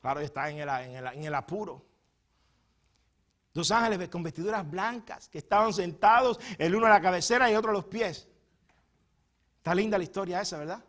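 A man preaching a sermon as pastor in a church, moving between quiet teaching asides and loud, fervent bursts, often stumbling and repeating words. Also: animated, brisk, long pauses. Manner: swings from soft, low teaching asides to loud, high impassioned preaching.

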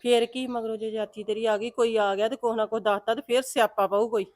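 A woman with a Punjabi accent playing a quick-tongued village mother who scolds and chats with her grown son and a neighbour in a drama. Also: on the high side, steady tone, a little mellow, no echo, studio quality, natural voice. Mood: scolding. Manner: nagging, fast and insistent.

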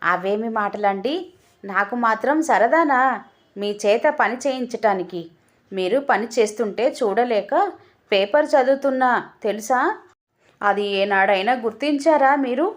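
A woman's voice: on the high side, measured pace, close to an everyday voice. A woman voicing a coaxing, innocently teasing wife in an audio story. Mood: pleading. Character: sweet-talking, teasing young wife.

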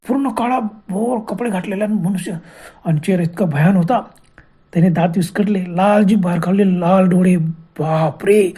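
Husky-voiced man telling a horror story. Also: high voice. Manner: dramatic, breathless retelling with sudden loud cries. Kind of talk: first-person horror story narration.

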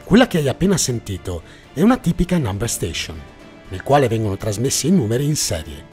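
A man hosting a mystery series narrates its scripted documentary with dramatic suspense, backed by music. He speaks at medium pitch, fairly quickly, with big swings in pitch.

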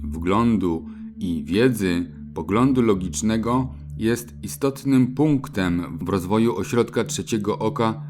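Slow, low-voiced man narrating calmly. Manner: slow, measured, solemn delivery. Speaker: spiritual teacher. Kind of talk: scripted narration on chakras.

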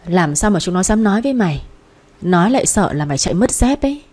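Old village woman, blunt and scolding, read by a female narrator; mellow tone. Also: medium pitch, big pitch swings, quick pace, slightly rough. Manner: coarse, nagging.

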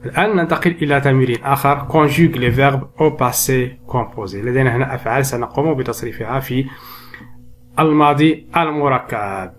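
Man teaching grammar slowly, repeating words. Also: medium pitch, a little hiss or hum. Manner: switches between slow, drawn-out spoken French and brisk explanations; repeats words and conjugation lists slowly for dictation. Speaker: French teacher. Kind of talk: bilingual grammar lesson.

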